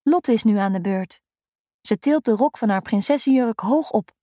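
A woman reading a children's story aloud, gently and expressively. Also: a little high, animated, normal speed, no echo, clean studio sound.

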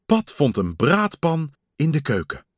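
A man reading a children's storybook aloud, slow and expressive. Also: a little high, no echo, clean studio sound. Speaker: storybook reader.

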